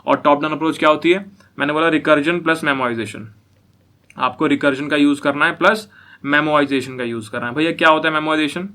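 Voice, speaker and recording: Brief: young male programming lecturer, bright, slightly high voice, repetitive teaching style. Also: steady tone, fairly quick. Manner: repetitive, asks listeners if they follow. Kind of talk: classroom coding lecture.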